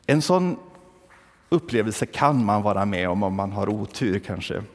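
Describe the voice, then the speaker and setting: A man's voice: fairly low pitch, lively intonation, long reverb tail. A man from southern Värmland preaching a humorous sermon, telling stories with a wry touch and asking the congregation questions. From southern Värmland, Sweden. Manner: wry storytelling, asks the congregation. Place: church.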